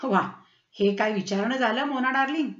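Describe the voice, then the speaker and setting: A woman voicing a lively, cultured lady who gushes about music and poetry, in a slightly dull, roomy recording. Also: fairly high pitch, moderate pace, close to an everyday voice. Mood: gushing. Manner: gushing, chatty.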